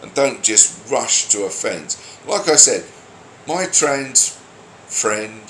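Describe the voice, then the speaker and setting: A man's voice: mid-range voice, expressive, slow pace, fairly bright tone. A grumpy man giving a blunt, sweary, exasperated opinion rant, speaking off the cuff. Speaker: online commentator giving opinions. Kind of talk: opinionated solo rant, unscripted. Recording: roomy echo, faint background noise.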